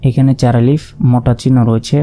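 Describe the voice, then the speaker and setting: A man's voice: mid-range voice, level tone, fast, mellow. A man teaching Quran recitation in Bengali with a Bangladeshi accent. He spells out letters and vowel marks one by one, then chants the joined word. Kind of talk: slow spelled-out Quran reading lesson.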